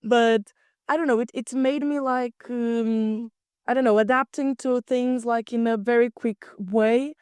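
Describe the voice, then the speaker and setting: A woman's voice: fairly high pitch, steady tone, measured pace, darkish tone, clear, resonant tone, no echo. A young woman co-hosting a casual student podcast, telling stories and acting out quoted lines. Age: young adult. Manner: chatty storyteller who acts out quotes. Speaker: podcast co-host. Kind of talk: casual chat.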